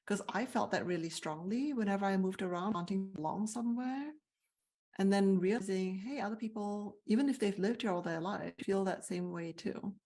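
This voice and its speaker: In a warm, mid-range voice at normal speed, a woman who works as a CEO coach in Malaysia reflects on interview questions. She comes across earnest and thoughtful, using fillers and sometimes restarting her sentences.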